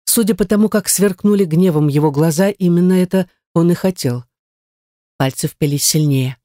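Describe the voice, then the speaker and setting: A woman's voice: fairly low pitch, moderate pace, mellow, dry recording. Brief: woman, first-person audiobook narrator, emotional and intense, dry studio sound.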